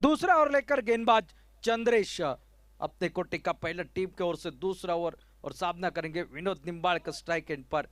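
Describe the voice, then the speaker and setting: A man's voice: high voice, moderate pace, a bit bright, dry recording. A man with an Indian accent giving live ball-by-ball cricket commentary.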